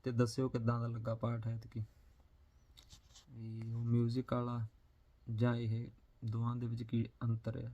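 Male teacher-host, plain explanatory talk, flat even delivery, dull lo-fi sound. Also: medium pitch, measured pace, long pauses. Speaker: religious teacher and channel host. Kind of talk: casual explanation to viewers.

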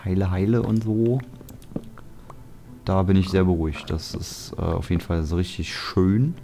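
Deep-voiced German man chatting over gameplay. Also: steady tone, normal speed, mellow. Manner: chatty, self-mocking, grumbling asides. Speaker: let's play host. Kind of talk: casual gameplay commentary. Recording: background music under voice.

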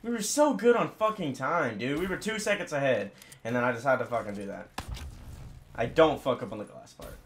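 A young man cursing his way through gameplay commentary, frustrated and bursting into loud yells. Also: medium pitch, lively intonation, fairly quick, a little hiss or hum. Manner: swearing, frustrated, bursts into yelling. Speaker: gamer.

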